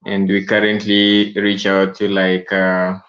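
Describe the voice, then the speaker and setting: A man's voice: deep voice, completely flat delivery, a bit bright. Man on a lo-fi video call. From Kenya. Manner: halting, repeats himself. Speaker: guest, charity founder. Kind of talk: interview over a video call.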